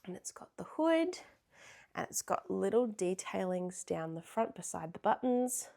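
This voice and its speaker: A woman's voice: mid-range voice, big pitch swings, unhurried, gravelly, dark tone. A young Australian woman, a crochet vlogger, chatting casually and rambling, with lots of ums as she shows off her makes. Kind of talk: casual show-and-tell chat.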